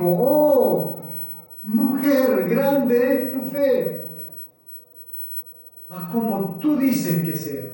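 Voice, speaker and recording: A middle-aged man preaching a sermon as pastor, with an earnest, repetitive preaching cadence. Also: sits high. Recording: echoey hall, distant mic, soft music.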